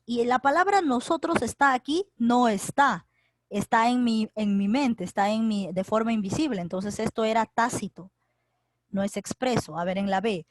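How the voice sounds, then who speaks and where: Woman teacher, middle-aged, fairly high voice, dry close sound, online class, step-by-step explaining, lots of tag questions. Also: no room sound. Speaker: secondary school teacher. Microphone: computer mic in a video class.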